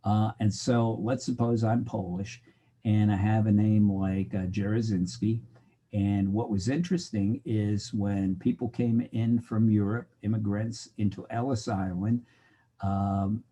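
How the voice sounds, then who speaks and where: In a mellow, fairly low voice that stays fairly level and runs a bit slow, an older man from the United States gives a recorded sociology lecture. He strays into side topics in a casual style and dramatizes the conversations he quotes.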